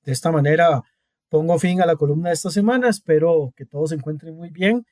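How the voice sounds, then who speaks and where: A man delivering a weekly radio commentary column, measured and pausing with fillers. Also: a little high, a little mellow, dry recording, clean studio sound. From Costa Rica.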